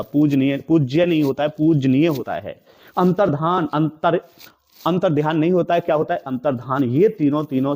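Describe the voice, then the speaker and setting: A man's voice: a little high, a little mellow. A male teacher coaching exam candidates on correct spelling. He keeps asking the class rhetorical questions, answers them himself, and repeats each word several times with heavy stress. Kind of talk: exam-prep spelling lesson.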